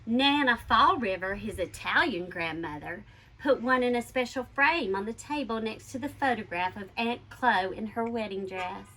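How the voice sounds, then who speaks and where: An elementary school teacher reads a picture book aloud to her pupils in a bright, slightly high voice at a moderate pace. She reads expressively and emphatically. The recording is low quality, with faint noise behind her.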